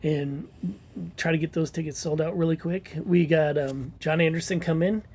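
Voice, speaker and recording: Convention organizer, man, husky voice, slightly high, rambling chatty delivery. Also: steady tone, moderate pace, a little mellow. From Missouri. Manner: rambling, filler-heavy promotional talk. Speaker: convention organizer and podcast co-host. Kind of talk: casual chat.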